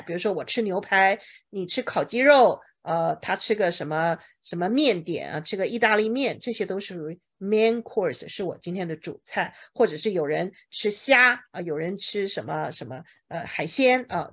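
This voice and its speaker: Husky-voiced woman teaching vocabulary. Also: medium pitch. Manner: drills words slowly, asks questions, says OK a lot. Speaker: English teacher. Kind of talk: bilingual vocabulary lesson to a class.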